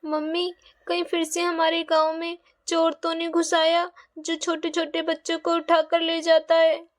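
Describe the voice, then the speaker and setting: A woman's voice: very high voice, completely flat delivery, measured pace. A woman voicing a worried young girl who speaks eagerly and anxiously.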